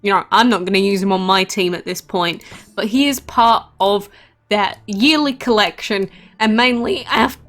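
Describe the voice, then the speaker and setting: A woman's voice: mid-range voice, moderate pace, a bit bright. A woman hosting a casual gameplay commentary, chatting about her game with frequent asides and fillers. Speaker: game channel host.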